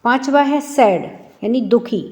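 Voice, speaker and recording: A woman teacher talks students through a lesson at a very slow, careful pace. Her voice sits a little high. She keeps asking questions and then answering them herself, and her words ring out with a long reverb tail. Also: lively intonation, a little mellow. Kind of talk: explaining an English lesson for schoolchildren.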